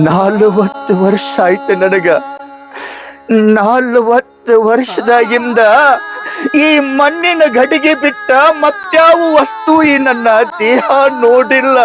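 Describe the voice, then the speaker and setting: Male actor as a weeping, preachy monk, high-voiced and slow, North Karnataka accent, music playing behind. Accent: North Karnataka Kannada. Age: 40s. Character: tearful devout male monk guarding his clay pot. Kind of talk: village comedy drama acting.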